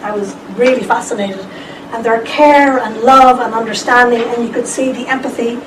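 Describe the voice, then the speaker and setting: Woman speaker, fairly high voice, chatty seminar talk, recorded from far off with noise behind. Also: moderate pace. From Ireland. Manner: lively, chatty, with asides to the audience. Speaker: conference speaker. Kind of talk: presentation to a seminar audience. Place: lecture room. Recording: echoey room, distant mic, background noise.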